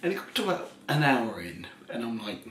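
A tipsy man in his thirties telling a rambling ASMR story in a soft voice, chuckling often and slipping into half-whispers. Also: mid-range voice, sing-song, fairly quick. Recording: roomy echo, faint background hiss.

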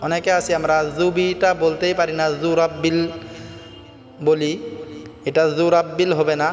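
A man giving a Quran pronunciation lesson, chanting verses slowly and melodically, then explaining quickly in between. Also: fairly high pitch, little pitch movement, long reverb tail, soft background music. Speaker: Quran recitation teacher.

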